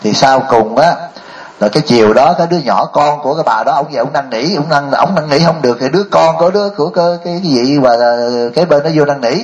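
On poor audio, an older man delivers a Buddhist dharma talk as a monk, weaving in stories and often asking the audience rhetorical questions. He speaks quickly in a voice on the high side.

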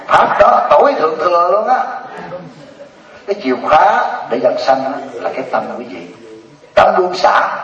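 A man, a Buddhist monk giving a humorous dharma talk and teasing his listeners. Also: mid-range voice. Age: 70s. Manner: joking, teasing storyteller. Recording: distant, echoey, dull lo-fi hall recording. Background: audience laughter.

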